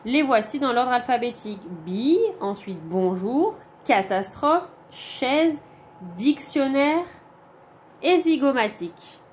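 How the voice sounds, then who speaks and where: Slow, patient high-voiced French woman teacher. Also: animated, a little hiss or hum. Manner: slow, patient, pointing things out step by step. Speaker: primary school teacher. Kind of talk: recorded homework correction for pupils.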